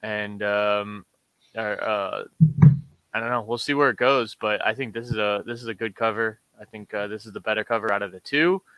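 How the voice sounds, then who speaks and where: Here a man with a lowish, smooth voice talks at a moderate pace, with no room sound and poor audio quality. He's a co-host of a comic order show, relaxed and casually chatty, using many fillers as he holds up covers.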